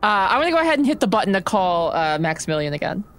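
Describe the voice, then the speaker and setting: A woman's voice: on the low side, big pitch swings, racing. Mock-polite woman player. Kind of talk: casual tabletop play.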